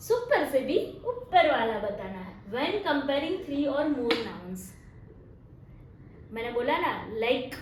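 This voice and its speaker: A woman with a Gujarati accent teaching English grammar, mixing Hindi and English, drawing out her example sentences and often checking "okay?". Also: sits high. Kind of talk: classroom-style grammar lesson. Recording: echoey room with faint noise.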